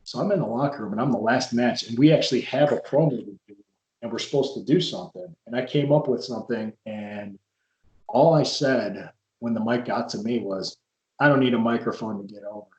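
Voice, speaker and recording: A man's voice: mid-range voice, fairly quick, darkish tone, dull audio. A man hosting a podcast interview, a former wrestler rambling through old stories with frequent restarts. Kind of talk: casual interview chat. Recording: roomy echo.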